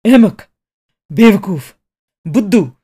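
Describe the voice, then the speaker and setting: A woman doing a raging, shouting male architect. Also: mid-range voice, expressive, slow, slightly rough, voice pushed up. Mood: enraged. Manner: shouting and stammering with rage. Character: furious middle-aged male architect, shouting. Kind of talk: audiobook character reading.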